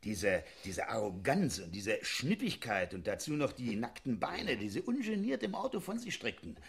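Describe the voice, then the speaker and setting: A man's voice: medium pitch, big pitch swings, normal speed, creaky, breathy edge, full character voice. An actor playing a smug married policeman who chuckles as he justifies harsh policing in a satirical sketch. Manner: self-righteous, chuckling, conspiratorial. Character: smug male riot policeman, married father. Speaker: policeman character.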